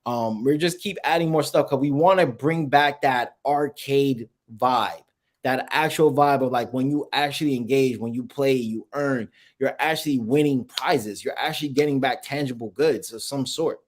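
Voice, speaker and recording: A man on a video call answers questions in a relaxed way. His voice has a mid pitch and comes through a connection that drops out now and then. He often stops partway through a phrase and starts it again. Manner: halting, restarts phrases with many fillers. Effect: video call audio with dropouts. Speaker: guest, founder of a collectibles project. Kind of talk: casual interview answers.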